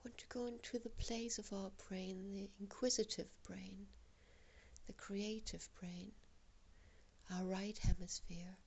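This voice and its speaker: Gentle, hushed instructions for relaxation come from a woman whose half-whispered, breathy voice stays soft and steady at medium pitch. Long pauses fall between her guidance.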